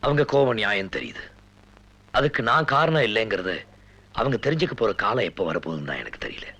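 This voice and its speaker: A man's voice: on the low side, animated, brisk. An actor playing a young man who is wrongly blamed and pleads earnestly, in a film. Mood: sorrowful. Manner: pleading, emotional. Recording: film soundtrack with loud music.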